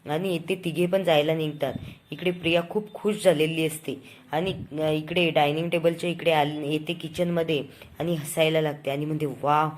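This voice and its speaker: Woman, recap presenter, retelling a TV serial episode, lowish voice, storytelling, mid-word restarts. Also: steady tone, moderate pace, a little mellow. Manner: storytelling, quoting characters' lines.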